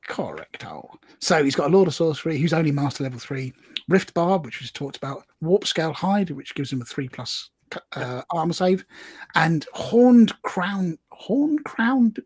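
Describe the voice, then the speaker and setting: A man talks through tabletop army lists in a casual podcast chat, tossing in quick asides and laughing easily. His voice sits a little high and sounds husky. The recording is dry and close. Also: animated, a little mellow, no room sound. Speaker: podcast co-host. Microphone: remote call.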